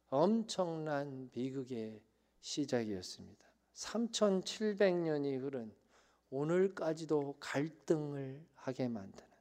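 A male pastor preaching a sermon, dramatic, swinging between loud outbursts and hushed tones and acting out quoted lines. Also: medium pitch.

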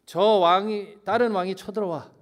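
Preaching with emphatic force, a middle-aged male pastor alternates between loud declarations and quiet phrases, dropping in bits of English. His voice is high and steady in tone, and he speaks at a normal speed.

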